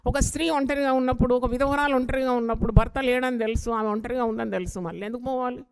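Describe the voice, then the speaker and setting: Woman pastor, earnest and exhorting sermon delivery, voice a touch high. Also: fairly even intonation, fast, clean tone. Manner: earnest, exhorting, with rhetorical questions.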